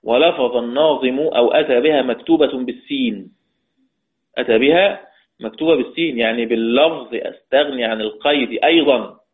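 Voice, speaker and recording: A man teaching a religious lesson on Quran recitation rules, explaining step by step and asking his students questions. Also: medium pitch. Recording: tinny phone-like audio.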